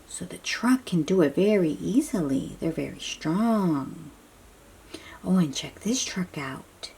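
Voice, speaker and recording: A woman with a fairly low, dark, husky voice reads a picture book aloud for young children. She explains things in simple phrases and puts questions to the listener.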